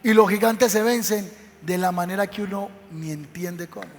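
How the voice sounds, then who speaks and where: A man's voice: high-pitched, steady tone, normal speed. A man with a Medellín Colombian accent, a pastor telling a Bible story in a sermon and acting out its voices. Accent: Colombian Spanish, Medellín. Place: church hall. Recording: long reverb of a church hall.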